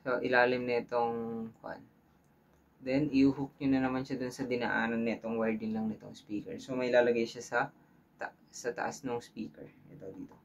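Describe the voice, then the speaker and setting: Speaking at a moderate pace with little pitch movement, a medium-pitched man with a Filipino accent leads a relaxed, hands-on tutorial. He thinks out loud and checks in with his audience. The recording is muffled.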